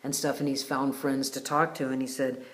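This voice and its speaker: A man hosting a retreat, giving a casual, heartfelt video message with many pauses and fillers. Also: mid-range voice, level tone, a bit bright. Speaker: retreat host. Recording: roomy echo.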